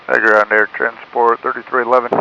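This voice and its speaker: Flat, bright pilot over crackly radio. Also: male voice, mid-range voice, a little fast, gravelly, highs cut off. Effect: aircraft radio. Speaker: airline pilot. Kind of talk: pilot talking over air traffic radio. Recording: band-limited aircraft radio with clicks, faint noise.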